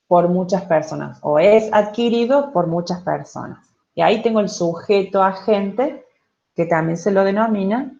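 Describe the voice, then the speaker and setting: A woman's voice: fairly low pitch, gravelly, dark tone, lo-fi sound. A Spanish-speaking woman teaching English in an online class, explaining patiently and checking in with her students. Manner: slow, patient, asks for checks with "¿sí?" and "¿ok?".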